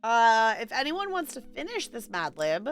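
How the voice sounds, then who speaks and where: This woman's voice is a little high, very animated, and clean-toned, at a normal speed. She hosts a livestream, casually chatting with viewers and thinking aloud in a rambling way while faint music plays behind her.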